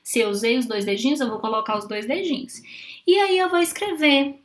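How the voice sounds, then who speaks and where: A woman's voice: high-pitched, fairly quick. A woman teaching young children how to write, speaking patiently and often checking in with short questions. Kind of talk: children's writing lesson.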